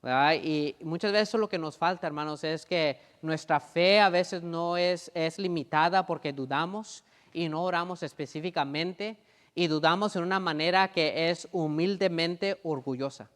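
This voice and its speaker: A male pastor delivers a sermon in a conversational, back-and-forth manner. He often checks that the congregation is following and repeats phrases for emphasis. His voice sits a little high, and it rings out with a long reverb in a church sanctuary. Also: moderate pace, a bit bright. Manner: conversational preaching, keeps asking "¿verdad?".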